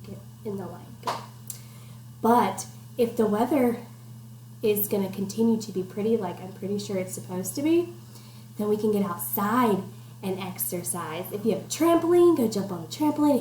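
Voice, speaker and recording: Speaking at a normal speed in an animated, mid-range voice with a darkish tone, a woman leads an interactive picture-book reading for young kids, keeping it playful and encouraging with simple questions. Recorded on a computer microphone, the sound has a roomy echo and noticeable background noise.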